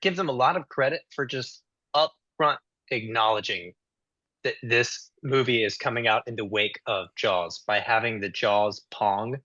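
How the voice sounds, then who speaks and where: A man's voice: mid-range voice, measured pace, bright, forceful tone, no room sound. Dry, dull-sounding man explaining things. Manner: explanatory, thoughtful. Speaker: podcast guest. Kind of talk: casual movie chat.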